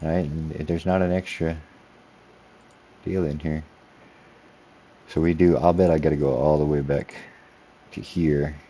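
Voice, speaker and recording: A man's voice: rumbling low, level tone, unhurried, long pauses, dark tone. A man giving casual, rambling commentary to himself while playing a racing game. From United States. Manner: rambling self-talk while driving, easygoing. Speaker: sim racing video creator.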